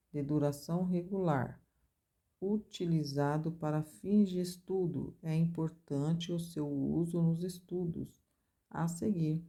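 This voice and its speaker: A woman's voice: low voice, warm tone. A woman teaching a music theory lesson, explaining step by step and chanting rhythm syllables to show the strong beats.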